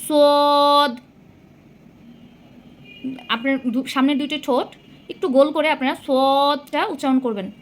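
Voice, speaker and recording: A woman with a high-pitched voice leads a Quran reading lesson. She is patient and careful, sounding out each letter slowly and repeating it. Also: fairly even intonation. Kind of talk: slow recitation lesson.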